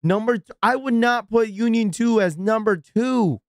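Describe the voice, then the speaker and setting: A man's voice: sits high, normal speed, no echo, clean studio sound. A man live-streaming, reacting in an exasperated, ranting way and thanking subscribers as he talks to his viewers.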